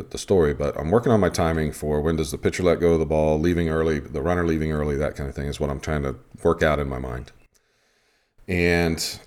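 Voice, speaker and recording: Super deep voiced guy rambling through an umpire story, lots of you knows. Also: a little mellow. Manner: rambling, many fillers and asides. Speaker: softball umpire. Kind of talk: casual storytelling.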